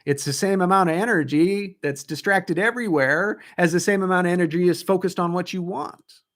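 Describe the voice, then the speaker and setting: A man's voice: high voice, a little fast, fairly bright tone. A man coaching an audience in a motivational talk, speaking emphatically and posing rhetorical questions. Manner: emphatic, asks rhetorical questions, acts out inner thoughts.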